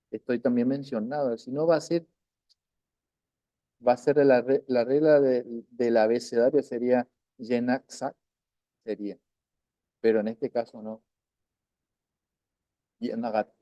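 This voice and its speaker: A man leads a language class in a patient, repetitive way, slowing down to sound out each word. His voice is mellow and dark. The recording is dry and close, with a dull lo-fi sound. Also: medium pitch, steady tone, no echo. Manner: patient, repeats words slowly, frequent "¿no es cierto?". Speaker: language teacher.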